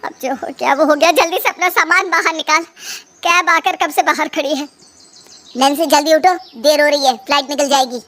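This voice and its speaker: A woman's voice: high-pitched, steady tone, a bit bright. A woman voicing a rude, impatient young husband who talks brusquely and in a hurry. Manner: brusque, hurried. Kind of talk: cartoon voice acting.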